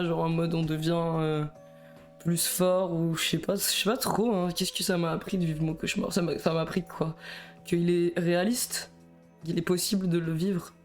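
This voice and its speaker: A young man with a Belgian French accent streaming alone, chatting in a rambling, nervous way, stammering and often laughing. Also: high-pitched. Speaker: livestreamer. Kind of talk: casual live-stream chat.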